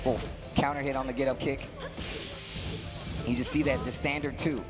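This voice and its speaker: Over background music, a male esports commentator breaks down fighting game tournament action in a relaxed, slangy way. His pitch is medium, his delivery moderately paced, and his intonation stays fairly level.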